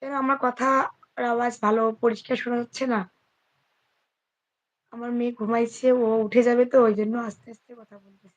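A woman talks softly into her phone during a late-night live stream from home, keeping her voice hushed so her sleeping child won't wake. Her voice sits a little high. The audio is muffled and lo-fi. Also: steady tone, a little fast, pauses often. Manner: speaks softly and hushed so her sleeping daughter stays asleep.

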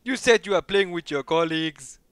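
A man's voice: fairly high pitch, expressive, a little fast, clear, resonant tone. A man with a German accent, playing a brash, teasing police officer in game role-play over voice chat. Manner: brash, shouting orders, teasing.

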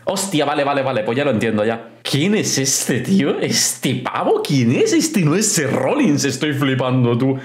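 A streamer with a Spain Spanish accent reacts live, full of exclamations and swearing, often repeating words in quick bursts. The pitch swings widely, and the voice sits in a roomy, echoey space. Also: very animated. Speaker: streamer reacting to a wrestling show. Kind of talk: excited live reaction commentary. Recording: roomy echo.

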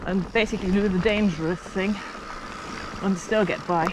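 An excitable woman talks her way down a forest bike trail, full of nervous exclamations as she rides. Her voice sits in a middling range and comes through a helmet action camera. Clear wind and trail noise runs under everything she says. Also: medium pitch, moderate pace. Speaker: mountain biker filming her ride. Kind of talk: running commentary while riding. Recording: noisy outdoor action-camera audio.

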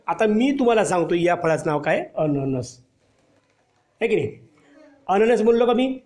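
Patient male teacher drilling young pupils. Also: high-pitched. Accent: Marathi. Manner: patient, repeats questions and answers to children. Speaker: primary school teacher. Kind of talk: classroom teaching of first-grade children.

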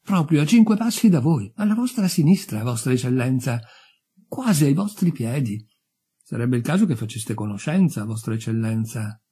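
A man's voice: mid-range voice, lively intonation, moderate pace, dark tone, slightly rough. Man voicing a fawning petty clerk. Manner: fawning, deferential. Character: obsequious petty official, eager to please. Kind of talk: audiobook character voice.

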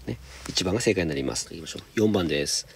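Low gravelly Japanese male teacher. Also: expressive. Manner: patient, explains step by step, reads English example sentences slowly. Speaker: high school English teacher. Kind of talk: homework explanation lesson.

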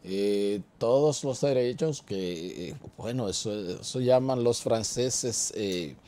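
Mellow-voiced TV host. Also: male voice, on the low side, slow. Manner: conversational, hesitant with many fillers. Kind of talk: TV interview.

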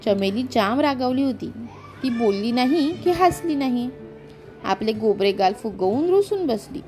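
A woman's voice: a little high, animated, measured pace, a little mellow, faint music behind. A woman narrating a children's story, reading aloud expressively.

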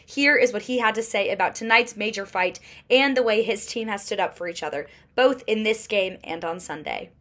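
A young woman in her twenties reading a scripted postgame sports report, steady and clearly paced, recorded in a small room at home. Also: mid-range voice, moderate pace, few pauses.

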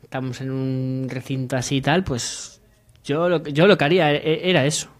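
Young guy on a desk mic in a little radio studio, jokey and animated, acts out voices. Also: mid-range voice, moderate pace. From Madrid, Spain. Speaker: humor segment contributor. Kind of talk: comedic radio chat. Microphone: desk mic on stand.

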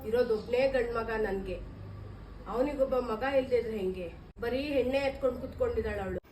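A woman's voice: fast talker, mellow, roomy sound, distant mic, a little hiss or hum, natural voice, low-quality recording. A woman playing a bitter middle-aged mother-in-law who scolds and pities herself, in a family skit. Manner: shrill, scolding, self-pitying.

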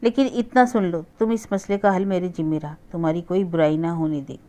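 A woman's voice: lowish voice, fairly even intonation, a little fast, dark tone, natural voice. A woman voicing a remorseful young man who speaks in an earnest, pleading way while reading a novel aloud.

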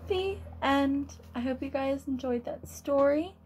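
Reading a picture book aloud to a group of children, a young woman speaks in a high voice at a measured pace, breaking in with exclaiming, child-directed asides like a teacher. Background noise is audible.

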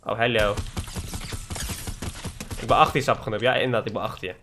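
A man's voice: fairly low pitch, fairly even intonation, brisk, noisy background. A young man giving playful, trash-talking gameplay commentary as a gaming YouTuber, slipping English slang into his talk.

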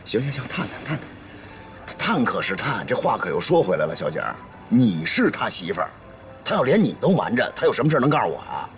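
An actor playing a brash, teasing street hustler who talks in a breezy, lively way. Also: male voice, fairly low pitch, quick pace. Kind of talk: TV drama acting. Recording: distant mic with loud music score.

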